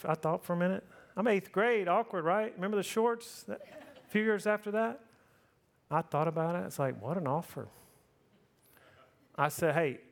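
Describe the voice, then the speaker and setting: Built around his personal story, this sermon comes from a man in his forties with a slightly higher-than-average male voice. He preaches conversationally, makes fun of himself, and constantly checks in with "right?"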